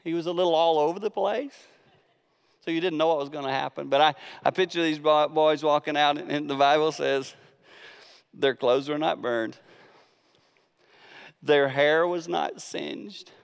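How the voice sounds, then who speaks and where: Man, preacher, sermon, animated colloquial storytelling, smooth high voice, long reverb. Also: normal speed, pauses often.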